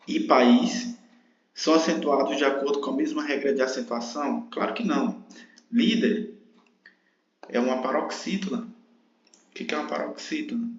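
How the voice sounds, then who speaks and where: A man teaching an exam-prep grammar lesson, explaining step by step and often checking in with tag questions. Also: mid-range voice. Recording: roomy dull lo-fi recording.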